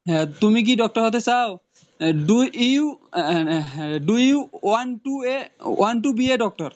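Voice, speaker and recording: A man who is a student in an online English class, answering in a hesitant, halting way with many fillers. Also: sits high, lively intonation. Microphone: video call.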